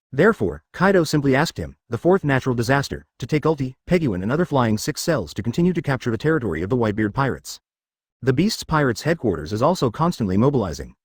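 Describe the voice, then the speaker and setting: A man reading fan fiction aloud as a steady scripted narration. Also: mid-range voice, husky, dry recording, studio quality.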